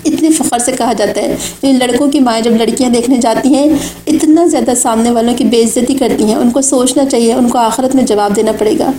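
A woman's voice: fairly high pitch, fairly even intonation, few pauses, dark tone, a little hiss or hum. A woman giving an Islamic lecture, speaking in an earnest, exhorting way. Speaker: religious speaker. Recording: echoey room.

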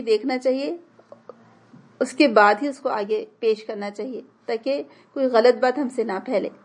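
A woman's voice: fairly high pitch, a little mellow. Earnest woman teaching a religious class. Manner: earnest, explanatory, urging.

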